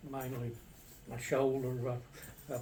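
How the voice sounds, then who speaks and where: An older man, a war veteran, casually recounting his memories in a halting, matter-of-fact, plain-spoken way. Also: mid-range voice, monotone, darkish tone. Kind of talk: casual personal storytelling. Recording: distant mic with faint background noise.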